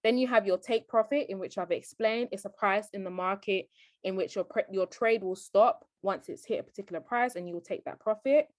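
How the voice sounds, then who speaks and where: A woman's voice: mid-range voice, brisk, no echo. A woman giving a trading tutorial as a voice-over on a screen recording, explaining step by step and often checking in with the viewer. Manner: explanatory, keeps checking in with "okay?".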